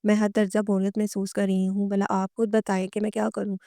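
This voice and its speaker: A woman's voice: medium pitch, monotone, fairly quick, warm tone, no room sound, studio quality, natural voice. A woman voicing a reserved, earnest young bride who speaks politely in a recorded novel reading.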